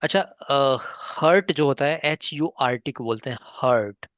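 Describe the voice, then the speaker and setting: A man's voice: medium pitch, unhurried, a bit bright, no echo, highs cut off. A man teaching a spoken English class online, patiently mixing Hindi and English and coaxing learners by name.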